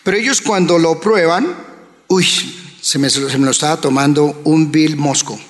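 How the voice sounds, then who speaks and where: A man's voice: on the high side, normal speed. A Colombian man with a Colombian Spanish accent preaching a sermon as a pastor, asking rhetorical questions and acting out pleas. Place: church hall. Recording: reverberant church hall.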